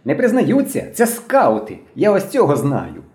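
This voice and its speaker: Man doing a shrill, bossy, excited boy. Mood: shouting. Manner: shouting fast, high-pitched, bossy. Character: thin excited blond boy, squad leader, bossy. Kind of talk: audiobook reading. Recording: roomy echo.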